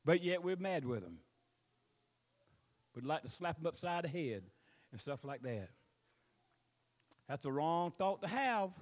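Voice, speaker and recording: A man's voice: on the high side, big pitch swings, a little slow, long pauses. A man with a Southern US accent preaching as a pastor, folksy and rambling, drawling out scripture phrases. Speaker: pastor preaching to his congregation. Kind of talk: sermon, mixing scripture reading with plain exhortation.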